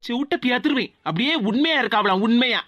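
A woman voicing a blunt, loyal younger woman with a Tirunelveli Tamil accent, sarcastic and quick to retort. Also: sits high, animated, heavy background noise.

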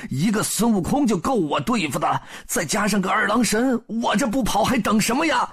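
A man voicing a panicky male nine-headed bird demon with frantic, high cries. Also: expressive, normal speed, fairly bright tone, breathy edge, full character voice. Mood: panicked.

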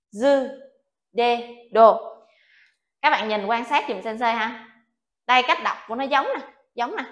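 In an online lesson on the Japanese alphabet, a woman teaches patiently and coaxingly, often checking that her students are keeping up. Her voice is on the high side and fairly bright, and the room sounds echoey.

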